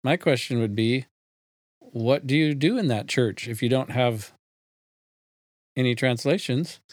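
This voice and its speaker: A man hosting a podcast, introducing the show and asking a guest measured questions. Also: mid-range voice, no room sound. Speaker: podcast host and interviewer. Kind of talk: podcast interview.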